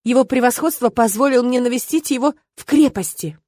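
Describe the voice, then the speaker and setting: A woman doing a shrill, hot-tempered young woman. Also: fairly quick, a little mellow, no echo, clean studio sound, lightly acted. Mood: upset. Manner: shrill indignant outbursts. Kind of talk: audiobook character voice.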